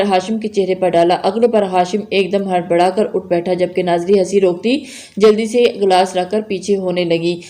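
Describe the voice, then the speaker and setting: A woman reading a romance novel aloud in a steady, calm storytelling voice. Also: medium pitch. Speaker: novel reader.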